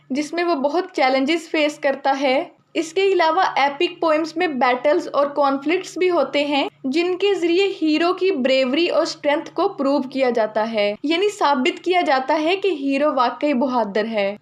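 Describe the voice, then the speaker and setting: A young woman teaching literature in a steady lecture, explaining each term twice in simpler words. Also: high-pitched.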